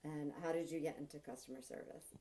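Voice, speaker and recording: A woman's voice: low-pitched, steady tone, fast, dark tone, low-quality recording. A woman interviewer asking questions in an informal interview.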